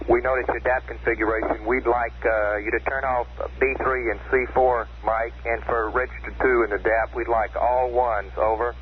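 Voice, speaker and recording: A man's voice: mid-range voice, level tone, normal speed, few pauses, narrow, tinny audio, noisy background. A man working as a mission control communicator, speaking in procedural exchanges over an archival space radio link.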